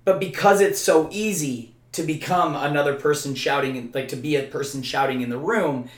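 Man, podcast co-host, casual chat, stammering restarts, slightly high voice. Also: normal speed. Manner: rambling, stammering restarts, emphatic. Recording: roomy echo.

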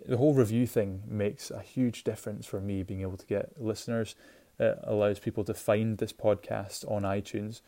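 A man's voice: on the low side, warm tone. A man from Shetland with a Shetland Scottish accent, hosting a casual solo podcast in an informal, enthusiastic way and often repeating himself. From Shetland, Scotland. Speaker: podcast host.

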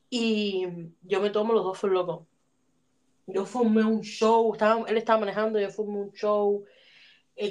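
A woman telling funny stories in a casual chat, animated and dropping English phrases in. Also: mid-range voice. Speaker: podcast co-host.

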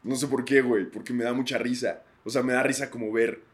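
A man's voice: mid-range voice, steady tone, quick pace. A man with a Mexican accent hosting a podcast, rambling crudely in a casual comedic monologue and laughing often. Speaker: podcast host.

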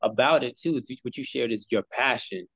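Guy hosting an interview, chatty and affirming, avg pitch, dry close sound, lots of "you know". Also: a little fast, a bit bright, breathy edge, no room sound. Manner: conversational, affirming, many "you know" fillers. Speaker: interview host. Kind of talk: casual interview talk.

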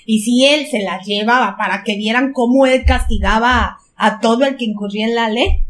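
Older Mexican woman telling a story. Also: fairly high pitch. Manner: unhurried, repeats words for emphasis. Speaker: podcast storyteller. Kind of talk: casual storytelling chat.

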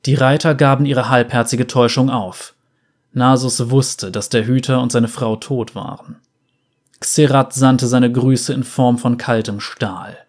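A male narrator reads a dark fantasy tale. His voice is mid-pitched and measured, with a dramatic storytelling delivery.

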